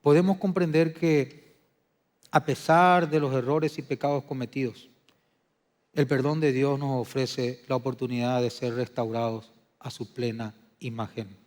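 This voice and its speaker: A man preaching a sermon as pastor, dropping to a hushed, low delivery and then rising to loud, emphatic declarations. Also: fairly even intonation, a little slow. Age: adult. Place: church sanctuary. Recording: long reverb of a church hall.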